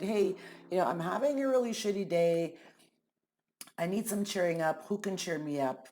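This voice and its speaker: A woman's voice: medium pitch, darkish tone. A middle-aged woman talking candidly in a casual vlog as an angel card reader, frank and swearing freely. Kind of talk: casual personal vlog talk. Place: living in Mexico.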